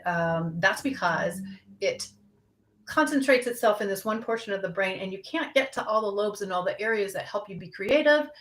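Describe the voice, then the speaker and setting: A woman's voice: medium pitch, a bit bright. Candid woman counselor talking casually. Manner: candid, conversational, speaks to a live audience. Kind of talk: casual talk on anxiety.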